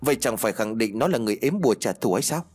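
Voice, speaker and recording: A man's voice: fairly low pitch, animated, rapid-fire, darkish tone, slightly rough. A man narrating a ghost story voices a terrified young man under a curse who stammers and pleads. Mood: desperate.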